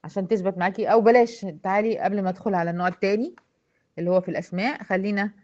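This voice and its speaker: A woman's voice: medium pitch, fairly even intonation, very fast, darkish tone, highs cut off. A woman with an Egyptian accent teaching a recitation lesson, patiently quizzing her female students step by step. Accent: Egyptian Arabic.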